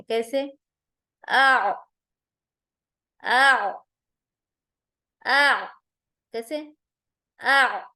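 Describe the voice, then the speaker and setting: A woman teaching a Quran recitation class online, patiently drilling sounds with repeated vowel examples. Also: sits high.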